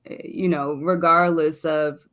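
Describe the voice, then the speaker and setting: A woman with a deep, steady, fairly bright voice answers unhurriedly as a guest in a casual, unscripted interview. A poet and professor, she's reflective and searching, tentatively working out her thoughts as she speaks.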